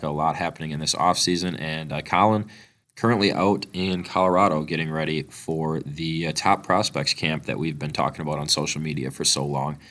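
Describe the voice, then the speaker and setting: A male podcast host fighting a chest cold, talking a bit monotone with lots of fillers as he reads a sponsor spot. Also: very deep voice. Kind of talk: sponsor read and interview.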